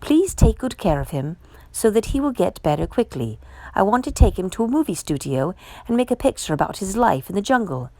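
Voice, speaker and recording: A woman voicing an excitable, caring man from a children's storybook in an earnest, emphatic way. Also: medium pitch, a little fast, no room sound, rough recording. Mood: earnest concern. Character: excitable, caring man in a big yellow hat.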